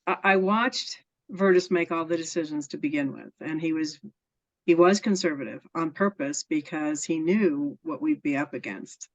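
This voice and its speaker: A woman being interviewed in a casual storytelling format shares personal anecdotes with earnest enthusiasm and frequent laughs. Her voice is low-pitched at a moderate pace, and the audio sounds dull and lo-fi.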